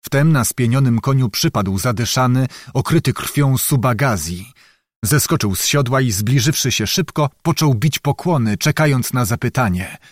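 A man narrating an audiobook in a measured, dramatic reading. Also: mid-range voice, animated, no echo, studio quality.

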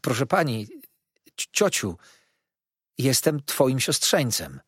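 A man voicing a ragged runaway boy who pleads with his aunt, his husky voice strained and urgent. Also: mid-range voice, big pitch swings, slow, dry recording, studio quality, exaggerated voice. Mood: pleading.

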